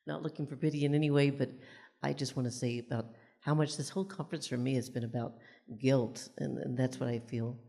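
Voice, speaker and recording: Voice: medium pitch, steady tone, fairly quick, vocal fry, warm tone. A participant in a live group discussion sharing their feelings openly and with resolve. The voice carries the long reverb of a conference hall. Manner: open, emotional, resolute. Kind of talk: personal testimony in a group discussion. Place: conference room at a live event.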